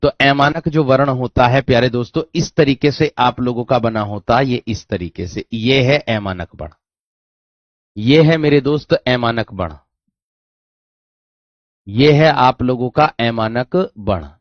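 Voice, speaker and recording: With a mid-range voice, a man runs an online Hindi grammar lesson, repeating important phrases, dictating slowly and frequently confirming students' understanding. The recording is dry, dull and lo-fi.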